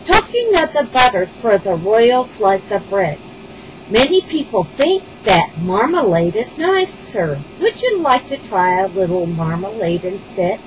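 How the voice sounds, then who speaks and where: A woman voicing a tactful queen gently coaxing her king, read from a children's poem. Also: medium pitch, very animated, measured pace, muffled recording, background noise.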